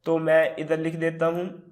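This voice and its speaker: A man with a sore throat walks through a screen tutorial one step at a time. His voice sits a little higher than usual, and his explaining stays relaxed and easy. He drops English words into his sentences as he goes. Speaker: tutorial host. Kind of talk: screen-recorded tutorial walkthrough.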